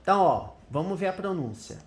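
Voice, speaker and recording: A woman's voice: lowish voice, lively intonation, a little fast, roomy sound. A Brazilian Portuguese-accented woman teaching English in a screen-share lesson, thinking aloud and checking in with the viewer often.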